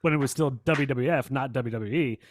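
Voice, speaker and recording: A man's voice: medium pitch, moderate pace. Enthusiastic man in his thirties. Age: 30s. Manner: enthusiastic, casual fan talk. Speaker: podcast host. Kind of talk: casual podcast conversation.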